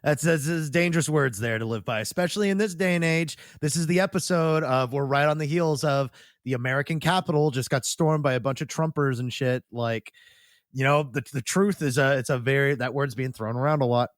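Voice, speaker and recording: Male podcast host, mid-pitched, informal chat delivery, dry close recording. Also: a little fast, no echo. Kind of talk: casual chat.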